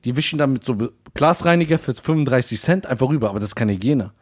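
A man co-hosting a casual chat podcast, telling rambling stories and often starting with a quick "look". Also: medium pitch, expressive. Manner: rambling storyteller, often starts with "guck mal". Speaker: podcast co-host.

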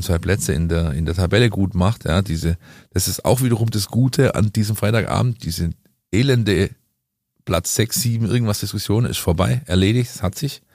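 A man with a lowish voice holds forth in an opinionated podcast monologue, pressing his points with lecturing emphasis. He, and the close, dry recording leaves no room sound. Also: normal speed, a little mellow, no echo. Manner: emphatic, lecturing, rhetorical "ja?" tags. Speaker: football podcast pundit.

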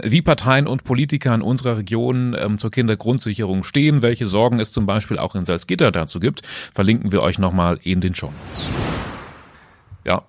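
A man presents news in a chatty podcast style. His voice sits fairly low and he explains things conversationally. The sound is dry, with very little room. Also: no echo.

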